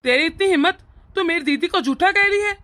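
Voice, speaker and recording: A woman's voice: very high voice, bright, forceful tone. A woman voicing a hot-tempered young husband and doting brother in a cartoon. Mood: angry. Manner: earnest, quick to anger. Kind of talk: cartoon voice acting.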